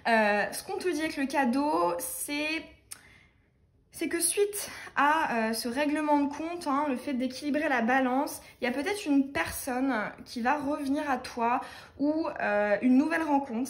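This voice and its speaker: A young woman doing a casual tarot reading, speaking fast with many fillers and restarts. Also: high voice. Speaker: tarot reader.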